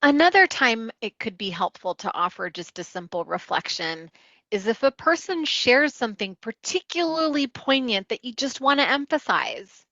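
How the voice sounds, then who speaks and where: A woman wellness coach teaches a coaching technique in an explanatory lesson, now and then voicing what a client might say. Her voice is bright and forward. The recording is dry, with a slightly muffled, dull tone. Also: a little high, sing-song, normal speed, dry recording. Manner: warm explanatory teaching, acts out client quotes. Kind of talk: instructional talk.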